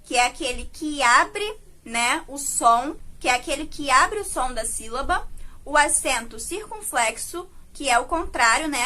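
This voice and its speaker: Bright high-voiced woman teaching. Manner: explanatory, slow and patient, frequent tag questions. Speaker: Portuguese teacher. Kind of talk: recorded video lesson.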